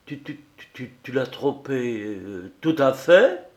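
A man's voice: medium pitch, slow, natural voice. A man voicing a husband who presses his wife insistently, turning from gleeful to jealous and angry. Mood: stunned. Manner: insistent, laughing, then stammering and angry.

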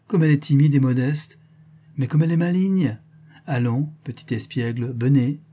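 A man's voice: mid-range voice, normal speed, dark tone, breathy edge, voice pushed up, close to an everyday voice. A man voicing a teasing, flustered noble lady in a storybook reading, coaxing and scolding by turns.

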